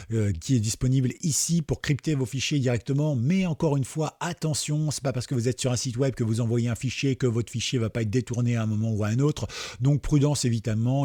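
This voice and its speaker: A man's voice: medium pitch, dark tone, no echo, studio quality. A man hosting a casual tech tutorial, chatty and joking, with many fillers and asides. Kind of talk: casual screen-recorded tutorial.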